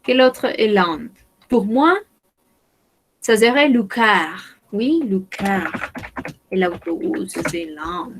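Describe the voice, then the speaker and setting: Slow, careful female French teacher. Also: medium pitch, poor audio. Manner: slow, careful, repeats words for learners. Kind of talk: online language lesson.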